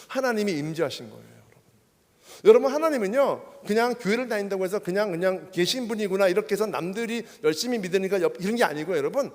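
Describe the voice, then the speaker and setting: Animated high-voiced male preacher. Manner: animated, keeps addressing the crowd with rhetorical questions. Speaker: guest preacher. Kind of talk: sermon with personal testimony. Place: church worship service. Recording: long hall reverb.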